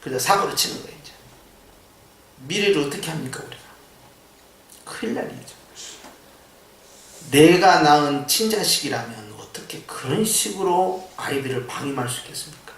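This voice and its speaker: Animated preaching man in an echoey church. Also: on the high side, moderate pace, long pauses, a little hiss or hum. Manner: animated preaching with rhetorical questions. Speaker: pastor. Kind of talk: sermon. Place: church sanctuary. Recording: echoey church sound from a distance.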